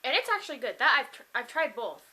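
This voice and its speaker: A young woman vlogs from her kitchen in an upbeat, rambling way, her voice bright and a little high. She trails into fillers and restarts as she talks to the camera. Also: sing-song, fast. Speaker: food vlogger. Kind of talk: casual chatty vlog. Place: home kitchen.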